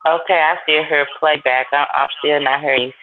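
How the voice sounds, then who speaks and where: Opinionated caller on a tinny phone line. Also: female voice, low-pitched, fairly even intonation, brisk, noisy background. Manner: talkative, opinionated, drawling. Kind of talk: casual chat.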